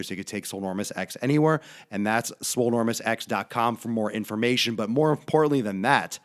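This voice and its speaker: A man with a hoarse, failing voice hosting a casual fitness livestream in a brash, profane, jokey way. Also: fairly low pitch. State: hoarse, losing his voice from being sick. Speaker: fitness show host.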